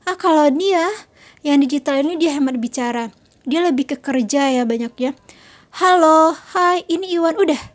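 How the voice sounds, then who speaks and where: A woman's voice: high-pitched, normal speed, darkish tone. A woman giving a chatty talk on parenting, acting out the lines parents and children say. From Indonesia. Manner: chatty, acts out quoted lines. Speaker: parenting speaker.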